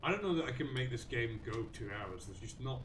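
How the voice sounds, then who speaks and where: A man's voice: medium pitch, expressive, a little fast, echoey room, far from the mic, a little hiss or hum. A man hosting a live stream, thinking aloud about a game with many ums and restarts. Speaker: host.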